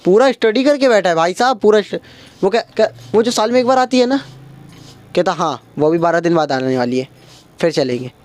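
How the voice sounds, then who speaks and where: A young man. He is animated and keeps slipping into his friends' voices as he tells the story. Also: high-pitched, brisk. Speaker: stand-up comedian. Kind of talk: stand-up storytelling.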